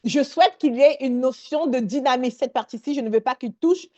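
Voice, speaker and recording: A woman leading a live online workshop, energetic and sprinkling English words into her talk. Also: high-pitched, fairly quick, lo-fi sound.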